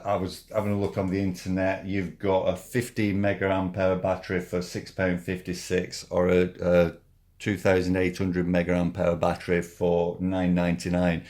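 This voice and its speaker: Low-voiced man demonstrating a product. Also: a little mellow. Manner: informal, halting, repeats himself while demonstrating. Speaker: product reviewer. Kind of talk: casual hands-on product demonstration.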